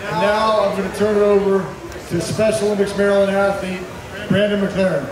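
Male event organizer, American, high voice, conversational; heard from afar over a crowd. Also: flat delivery, brisk. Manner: conversational, explanatory. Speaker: event organizer introducing the program. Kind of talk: informal event announcement. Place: indoor event suite with windows. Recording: very echoey, distant, crowd behind.

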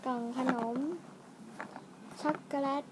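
A woman's voice: slow, very noisy. Chatty woman vlogger unboxing toys. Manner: chatty, addresses viewers, trails off and muses aloud. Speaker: vlogger reviewing toys and snacks. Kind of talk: casual unboxing vlog. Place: room at home.

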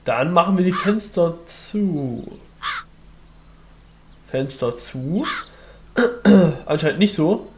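A man's voice: a little high, expressive, extremely slow, long pauses, darkish tone, a little hiss or hum. A man hosting a let's play with casual commentary, thinking aloud in fragments.

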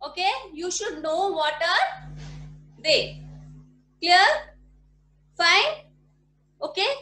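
Her words are drawn out in a very high-pitched voice that sounds pushed and bright, with slight background noise. She's a primary school teacher from India holding an online class in a small room at home, patiently repeating questions so her pupils can follow. A laptop webcam mic at the desk picks her up, giving echoey video-call room sound.

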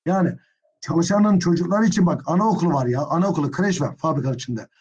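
Husky-voiced man teaching history. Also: on the high side, fast talker, darkish tone, dull audio. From Turkey. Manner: addresses students as friends, gets openly indignant. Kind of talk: exam prep history lecture.

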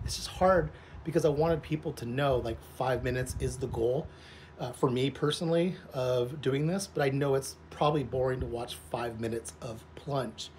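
A man in his forties with a mid-to-low everyday pitch talks to camera like a vlogger. He rambles informally from one thought to the next. The recording is made outdoors, with clear ambient noise around the voice. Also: normal speed, a little mellow. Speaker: vlogger, social media content creator. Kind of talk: casual vlog chat to camera. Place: outdoors, in a pool.

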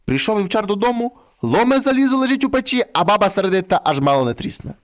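A man reading a folk fairy tale aloud in an expressive storytelling manner. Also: sits high, quick pace.

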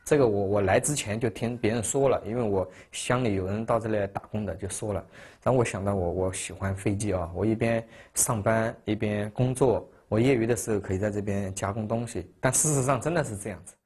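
A man in his thirties from Sichuan, speaking casually and haltingly in an interview in a cluttered workshop. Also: on the low side, darkish tone, husky. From Sichuan, China. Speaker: barber and hobby plane builder.

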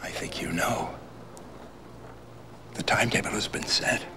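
A whispering paranoid old conspiracy writer, worn tape. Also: male voice, on the low side, measured pace. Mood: conspiratorial. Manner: hushed urgent whisper. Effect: worn VHS tape copy. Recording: hissy worn videotape copy.

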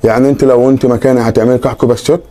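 A man's voice: medium pitch, flat delivery, racing, dark tone, natural voice. An Egyptian-accented man playing a stubborn, grieving father who refuses to give in. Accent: Egyptian Arabic. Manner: firm, dismissive.

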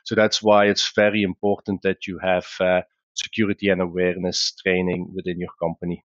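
In a webinar, a Belgian-accented founder explains his points in a chatty way, repeatedly pausing with "uh" and restarting what he says. His voice is low with little pitch movement, there's no room sound, and the audio is dull.

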